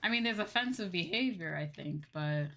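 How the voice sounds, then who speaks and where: A woman livestreamer with a lowish, expressive voice, vocal fry and a fairly bright tone talks to viewers at a moderate pace as she games. Her casual chat is thinking out loud, rambling and frequently trailing off.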